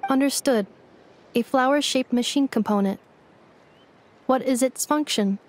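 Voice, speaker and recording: In scripted lines for a video game, a woman plays a courteous, literal-minded robot who speaks in stiff, formal, unemotional phrases with a flat, questioning mood. Her voice sits high and unhurried over slight background noise.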